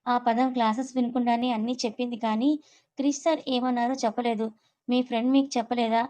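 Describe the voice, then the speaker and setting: A woman's voice: fairly high pitch, level tone, quick pace, warm tone, lightly acted, poor audio. A woman voicing a chatty, nosy young woman in a storybook reading.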